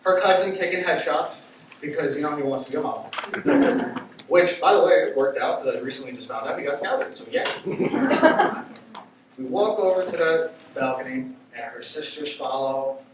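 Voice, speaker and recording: Male stand-up comic, lively storyteller, fairly high voice, heard from off mic in a room with strong echo and faint noise. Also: moderate pace. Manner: animated, swears casually, quotes people in voices. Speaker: stand-up comedian. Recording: echoey room, mic from a distance.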